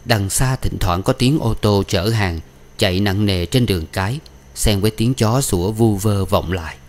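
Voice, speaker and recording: A man reads a novel aloud as an audiobook narrator. His voice is low and his delivery steady and even. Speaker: audiobook reader.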